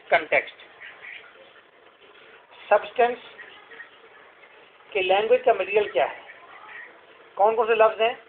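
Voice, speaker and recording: A man's voice: high voice, a little hiss or hum. A man giving a classroom lecture, explaining through repeated questions and examples. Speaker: teacher. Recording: tinny lo-fi classroom recording.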